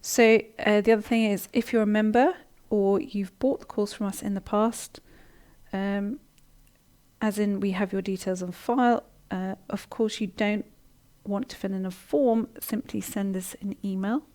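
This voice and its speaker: In a live online coaching session, a woman talks casually while reading out and replying to viewers' comments. She speaks a little slowly, with a mid-range voice and steady tone. Warm-hearted and chatty, she fills her speech with ums and restarts.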